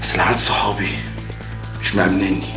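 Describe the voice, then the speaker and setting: Brief: actor for a wheedling Egyptian middleman, low and rushed, heard distant. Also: steady tone, close to an everyday voice. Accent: Egyptian Arabic. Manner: deferential, wheedling. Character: fawning Egyptian man, a go-between for stolen gold. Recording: distant, roomy, music underneath.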